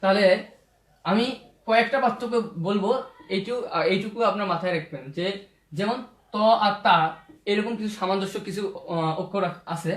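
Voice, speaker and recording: A man teaching how to pronounce Arabic letters, slowly repeating each sound and vowel mark. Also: sits high, fairly bright tone. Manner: slow, repetitive drilling of letters and vowel marks. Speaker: Quran reading teacher. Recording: echoey room.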